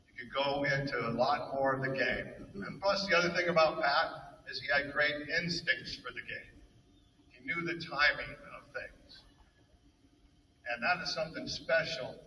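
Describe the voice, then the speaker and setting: A man, a fellow coach, giving a halting, emotional memorial speech full of reminiscences. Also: mid-range voice, pushed and bright, slight background noise. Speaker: eulogy speaker, fellow coach. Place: hall at a memorial service. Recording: echoey hall from far off.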